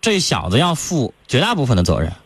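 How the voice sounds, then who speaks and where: Blunt, lively-pitched male radio host. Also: brisk, breathy edge, dry recording. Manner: blunt, opinionated, teasing. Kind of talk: call-in radio talk.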